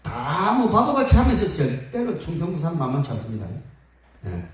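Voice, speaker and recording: A man's voice: on the high side, brisk. A man preaching a sermon to his congregation, telling funny stories and acting out the people in them. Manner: lively, humorous storytelling with acted-out quotes. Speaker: pastor. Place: church sanctuary. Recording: echoey hall from far off.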